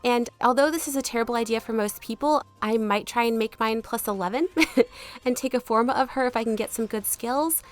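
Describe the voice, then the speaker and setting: Over gameplay with background music, a woman answers viewer questions in a casual chat, her voice still not fully back after being sick. She speaks fairly quickly in a somewhat high voice, polite and easygoing, laughing easily.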